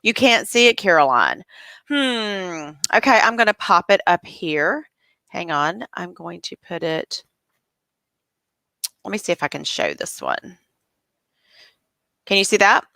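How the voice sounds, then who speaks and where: Woman, livestream host, crisp bright tone, casual chatty, cough drop in mouth. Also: lowish voice, animated, a little slow, long pauses, no room sound. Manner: chatty, troubleshooting aloud. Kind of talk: casual live interview.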